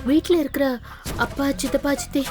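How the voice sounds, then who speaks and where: A woman's voice: high-pitched, steady tone, a little fast, over loud music, lightly acted. A young woman playing a pregnant young wife in a TV serial, imploring her aunt earnestly. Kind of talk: TV serial acting.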